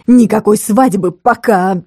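A woman voicing a hot-tempered male dragon count in an audiobook, shouting and indignant. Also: medium pitch, measured pace, husky, dry recording, studio quality. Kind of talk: audiobook character voice.

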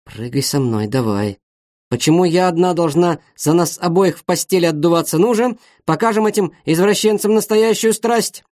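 Мужчина изображает взбалмошную озорную девушку. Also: male voice, sits high, normal speed, darkish tone, no echo, clean studio sound, close to an everyday voice. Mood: teasing. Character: excitable mischievous young woman.

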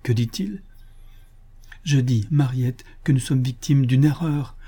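A man's voice: mid-range voice, slow, mellow, breathy edge. A man voicing an earnest, anguished young man pleading with his beloved, in an audiobook reading. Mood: fervent. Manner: pleading, fervent.

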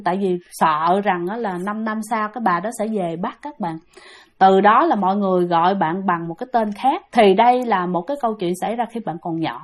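A woman with a Southern Vietnamese accent telling a ghost story in a chatty way, often speaking straight to her listeners. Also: medium pitch. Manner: chatty, keeps addressing listeners directly.

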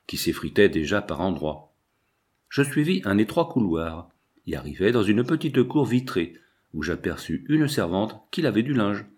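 A man's voice: on the low side, darkish tone, husky. A man reading a first-person novel aloud as an audiobook narrator, telling the story expressively.

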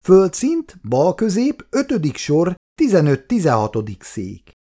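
A man's voice: high-pitched, wildly swooping pitch, mellow, voice pushed up, exaggerated voice. A man voicing a cheerful, teasing young adult daughter in a radio-style reading. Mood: chirpy.

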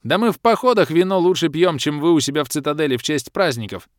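A man's voice: fairly high pitch, fast talker, no echo, clean studio sound, pitched above the performer's own voice, close to an everyday voice. A man voicing a scornful, brash young woman warrior in an audiobook. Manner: sneering, brash. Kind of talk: audiobook character voice.

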